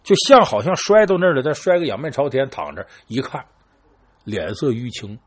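A man telling an old crime story in a chatty, lively way, talking straight to his listeners and acting out the quoted lines. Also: mid-range voice, a little fast, husky. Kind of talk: casual spoken storytelling.

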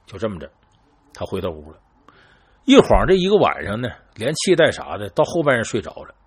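A man telling an old crime story in a chatty, lively way, talking straight to his listeners and acting out the quoted lines. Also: lowish voice, a little fast, breathy edge. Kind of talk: casual spoken storytelling.

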